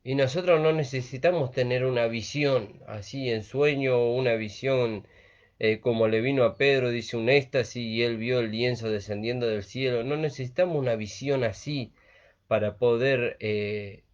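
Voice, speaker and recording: Earnest preacher, lo-fi sound. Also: male voice, mid-range voice, moderate pace. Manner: earnest, repeats phrases with frequent "¿vio?". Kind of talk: sermon. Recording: dull lo-fi recording.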